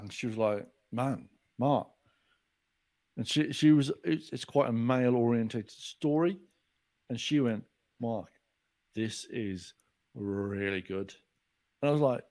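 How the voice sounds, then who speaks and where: A man in his forties, a guest author in a casual podcast chat, who tells stories by acting out what people said. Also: medium pitch. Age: 40s. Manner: animated storyteller acting out quotes.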